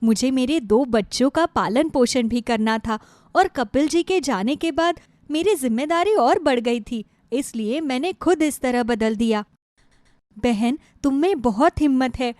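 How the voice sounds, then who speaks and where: A woman voicing a steady widowed neighbour in a storybook tale, speaking in a calm, comforting way. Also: high-pitched, no room sound, clean studio sound.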